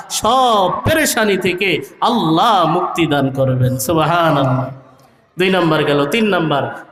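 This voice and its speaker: A man preaching a sermon, calling out loud peaks and singing some phrases in a rhythmic delivery. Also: high voice, reverberant, background noise. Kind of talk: Bengali waz sermon.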